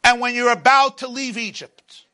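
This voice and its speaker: A man giving a motivational sermon as a religious speaker, with dramatic, emphatic phrasing and deliberate repetition. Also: extremely high pitch, steady tone, bright, forceful tone.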